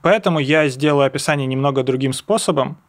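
A man's voice: mid-range voice, fast talker. A young man presenting an explanatory screencast lesson, talking informally and going through things step by step. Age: young adult. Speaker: presenter of a web accessibility lesson. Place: indoors, seated at a computer.

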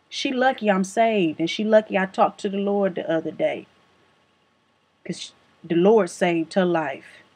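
A woman vlogger telling a comic story in a brash, profane, deadpan manner with a husky voice. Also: mid-range voice.

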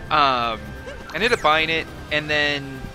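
A man's voice: fairly high pitch, slow pace. A man giving casual let's-play commentary as he plays, chatty and rambling, with lots of fillers. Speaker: gameplay commentator. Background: video game music.

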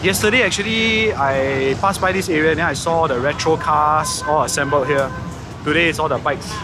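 A man's voice: a little high, normal speed. A man, chatting casually and with exclamations as he vlogs outdoors. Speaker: motovlogger. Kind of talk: casual vlog chat. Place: outdoors on busy city streets at night. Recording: music behind the voice. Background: music, vehicles, street noise.

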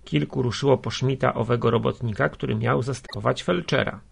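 Man, audiobook narration, gravelly, husky, measured pace. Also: medium pitch. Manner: measured, steady storytelling. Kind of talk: scripted literary narration.

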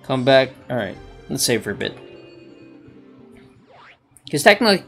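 A man narrating his own gameplay in loose, halting let's play commentary, often trailing off and circling back. His voice has a gravelly, fry-tinged texture. Faint music runs underneath. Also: medium pitch, big pitch swings, fairly bright tone. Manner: rambling, hesitant, self-talking. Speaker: gaming channel host.

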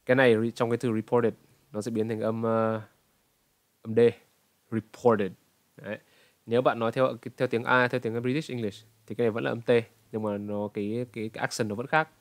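Dry-voiced young pronunciation coach. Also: male voice, mid-range voice, level tone, no echo. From Vietnam. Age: 20s. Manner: repeats words slowly to demonstrate, says "đấy" often. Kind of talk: reaction commentary correcting pronunciation.

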